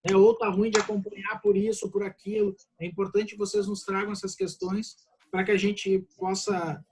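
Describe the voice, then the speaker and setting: Against a noisy background, a Brazilian man who teaches law fields student questions on a video call. His voice is high with little pitch movement, at a normal speed, and he sounds a touch congested. He speaks Brazilian Portuguese casually and warmly, leaning on "né?" often.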